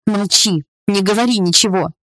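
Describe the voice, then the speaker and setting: A man voicing a furious hoarse young woman. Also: medium pitch, moderate pace, dry recording, voice pushed up, close to an everyday voice. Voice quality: hoarse, hissing. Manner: shouting in anger and fear.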